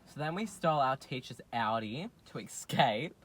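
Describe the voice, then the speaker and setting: A man's voice: mid-range voice, very animated, normal speed, fairly bright tone, a little hiss or hum. A young man, casually chatting and rambling through a story, full of fillers. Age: young adult. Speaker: vlogger. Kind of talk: casual chat.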